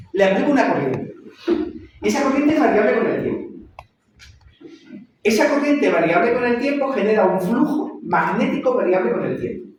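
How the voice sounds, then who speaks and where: Man, lecturer, repeats and checks in, high-ish voice, distant mic. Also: darkish tone, a little hiss or hum. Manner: repeats and checks understanding with "¿vale?". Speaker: university lecturer. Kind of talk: classroom lecture. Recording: echoey room, voice far from the mic.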